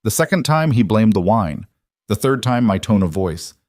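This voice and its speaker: A man voicing a haunted frontier woman who speaks in a quiet, strained and halting way. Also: on the low side, animated, dry recording, studio quality, close to an everyday voice.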